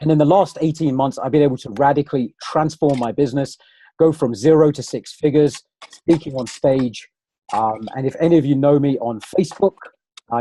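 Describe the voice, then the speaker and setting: A man's voice: mid-range voice, dark tone, husky. A man hosting an online webinar in a casual, conversational way, talking straight to viewers over a computer microphone. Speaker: webinar host.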